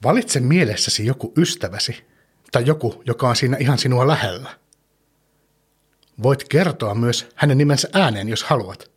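A man hosting a children's podcast, gently telling a story and asking the young listener questions. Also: medium pitch, animated, breathy edge.

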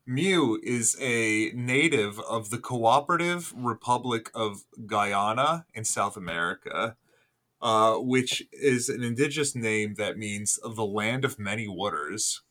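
A man's voice: lowish voice, a little slow, bright, forceful tone. A man with a New Jersey accent, co-hosting a podcast in casual group chat. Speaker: podcast co-host.

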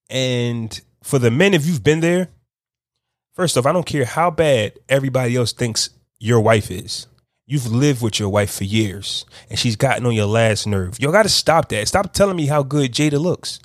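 Slow-talking man thinking out loud. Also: mid-range voice, no room sound, clean studio sound. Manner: slow, thinking aloud, restarts often. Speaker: podcast host. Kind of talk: casual unscripted commentary.

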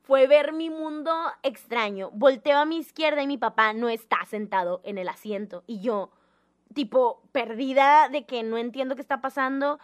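A young woman, telling a personal story in a casual, animated and dramatic way. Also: high-pitched, normal speed. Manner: animated, dramatic, acts out the voices in her story.

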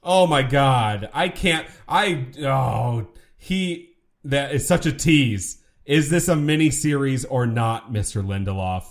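A man's voice: mid-range voice, lively intonation, slow pace. A man co-hosting a podcast in casual chat, with jokey, mock-dramatic exaggeration. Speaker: podcast co-host.

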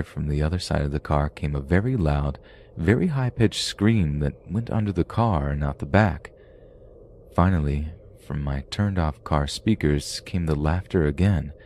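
A man with an exceptionally deep, dark-toned voice reads spooky stories aloud as a podcast host. He keeps a steady, measured storytelling pace throughout. Faint room ambience sits under his voice. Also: slight background noise. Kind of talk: reading paranormal stories aloud.

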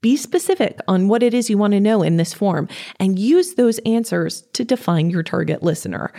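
A woman's voice: medium pitch, warm tone. Upbeat, tidy advice-vlogger woman hosting. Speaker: podcast host giving advice. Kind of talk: scripted upbeat how-to narration.

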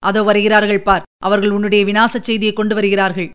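A woman's voice: mid-range voice, level tone, moderate pace, fairly bright tone, clean tone, lightly acted. A woman voicing an older male Buddhist monk in an audiobook, speaking in a bitter, hissing, cursing way. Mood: furious. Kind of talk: audiobook character reading.

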